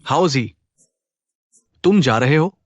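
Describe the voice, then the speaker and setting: A man's voice: fairly high pitch, expressive, takes it slowly, dry recording, highs cut off. A man playing a fatherly middle-aged shopkeeper. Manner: fatherly and persuasive. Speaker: uncle figure and business partner. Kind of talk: dubbed drama acting.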